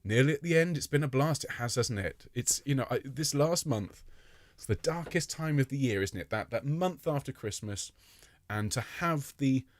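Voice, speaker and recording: A man's voice: medium pitch, expressive, normal speed, no echo, clean studio sound. Chatty man leading an online choir. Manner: friendly, jokey, greets people by name. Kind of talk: chatty welcome to a live online rehearsal.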